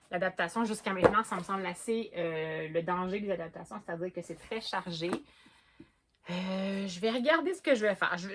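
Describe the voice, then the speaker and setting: A woman with a Québécois French accent chatting casually about books as a vlogger, hesitating often and restarting her sentences. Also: fairly low pitch. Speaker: book vlogger.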